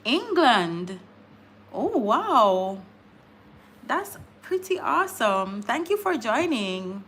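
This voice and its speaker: A woman's voice: high-pitched, pushed and bright. A woman, hosting a casual live stream, chatting with viewers, laughing often and repeating words as she talks. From Jamaica. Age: 30s. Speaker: livestream host.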